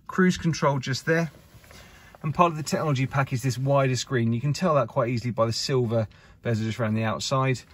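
Upbeat man showing a car. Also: mid-range voice. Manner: upbeat salesman patter, filmed while walking. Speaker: car dealer presenting a used car. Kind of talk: walkaround car video. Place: indoor car showroom. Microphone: camera held by the speaker.

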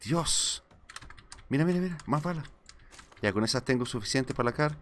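A man streaming live gameplay, talking excitedly to himself and greeting his chat. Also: mid-range voice, moderate pace, slight background noise.

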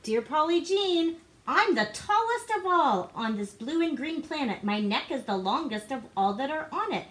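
A guest co-reader in a living room reads rhyming storybook text aloud for young children, playful and theatrical. Her high-pitched, somewhat bright voice is very animated, at a moderate pace with hardly any pauses. A device camera a short distance away records her.

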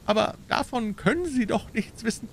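A frightened little man whimpers and stammers in a very high, shaky voice. He sounds anxious and pleading throughout. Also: animated, normal speed, gravelly, slight background noise, heavily acted. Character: nervous, frightened small young man.

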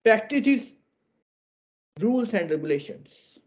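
A man's voice: sits high, big pitch swings, slow, a little mellow, dull audio. A man with an Indian English accent giving a formal, earnest webinar presentation, heard through screen-recorded video call audio. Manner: earnest and exhorting, fond of idioms. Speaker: webinar presenter on electrical safety.

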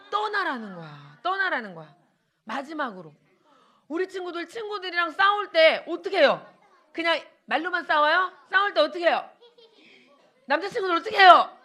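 A young woman preaching a children's sermon in church, animated, asking the kids questions and acting out little quotes. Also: very high-pitched.

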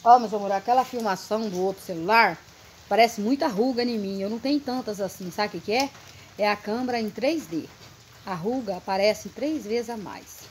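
A woman's voice: mid-range voice, moderate pace, slight background noise. A woman vlogging casually at home, chatting to her viewers and cooing in baby talk at her puppies.

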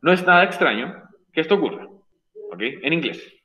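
A man explains grammar to his online class, patient and repetitive, stressing each point twice. His voice sits a little high. The sound carries a roomy echo over the video call. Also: lively intonation, moderate pace, sharp tone, dull audio. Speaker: English teacher.

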